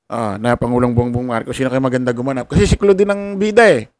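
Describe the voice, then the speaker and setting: A man's voice: mid-range voice, fast, dry recording. A man giving casual political commentary, rambling and forgetful, laughing often and tossing in salty asides. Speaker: online commentator.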